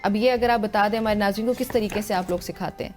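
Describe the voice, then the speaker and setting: A woman's voice: medium pitch, a little mellow, soft background music. A woman with a Pakistani Urdu accent, hosting a TV interview, affirming her guest and speaking to viewers. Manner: encouraging, affirming, addresses viewers. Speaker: TV host. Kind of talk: talk-show interview.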